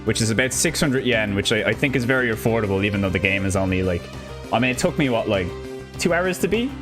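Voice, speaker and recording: Game music accompanies a young Irish man as he talks casually and cheerfully through a live gameplay stream, rambling in his Irish accent. His lowish voice is animated and quick-paced.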